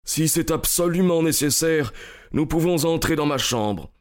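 A man voicing an impatient, indignant older gentleman in a read-aloud story, speaking well above his own pitch. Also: lively intonation, unhurried. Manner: raised, impatient, protesting. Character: indignant older man, a gruff country squire.

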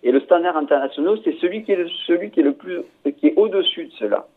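A man commenting in a radio discussion, his voice husky and slightly breathy. He comes through a narrow, tinny telephone line and talks in a halting way, repeating words and filling pauses. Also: fairly high pitch. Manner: hesitant, repeats words, many fillers.

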